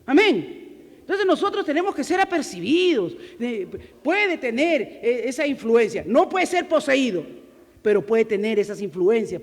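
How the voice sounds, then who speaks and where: A woman preacher giving an emphatic sermon, full of rhetorical questions and swings from loud to quiet. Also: a little high, in a large hall.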